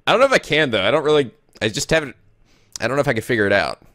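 A man's voice: medium pitch, very animated, rapid-fire, fairly bright tone, no room sound, clean studio sound. A man giving casual, playful gameplay commentary, exclaiming and swearing freely as host. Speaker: gaming video host. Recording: game music behind commentary.

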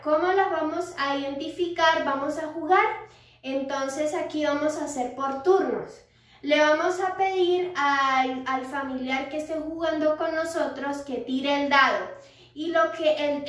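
A woman teaching music to young children, gentle and patient, often checking in with the kids. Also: high voice. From Colombia. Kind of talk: recorded lesson for young children. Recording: echoey room, far from mic.

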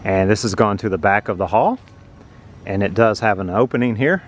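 Man, walking tour narration, low voice, plain informative delivery, outdoors, handheld phone, faint traffic in the background. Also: moderate pace. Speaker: vlogger touring a building. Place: outdoors on a city sidewalk. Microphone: handheld phone camera.

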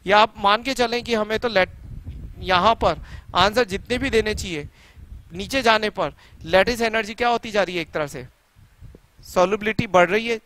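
A man's voice: high-pitched, sharp tone. A middle-aged man from India giving a chemistry lecture, quizzing his students with rhetorical questions and repeating key points for emphasis. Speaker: chemistry teacher. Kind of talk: classroom lecture.

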